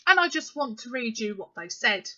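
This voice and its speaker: High, bright woman vlogging. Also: very animated, moderate pace. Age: 30s. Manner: indignant, emphatic ranting with many fillers. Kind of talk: casual direct-to-camera vlog. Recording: slightly muffled lo-fi recording.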